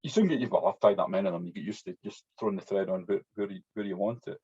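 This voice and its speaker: This man talks very fast in a low-side, mellow voice with a breathy edge, his Scottish accent strong and broad. He's a fly-tying instructor doing a casual hands-on demonstration, chatty and often tagging sentences with "yeah". Dull, muffled lo-fi audio captures him.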